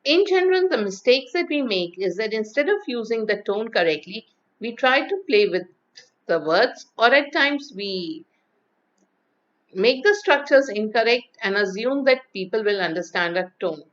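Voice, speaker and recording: Woman lecturer with a slightly high voice, explaining with a lively demonstrating manner, muffled lo-fi recording. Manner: demonstrates pitch and emphasis, reads rhymes slowly and expressively. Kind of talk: lecture on voice and speaking. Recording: dull lo-fi audio.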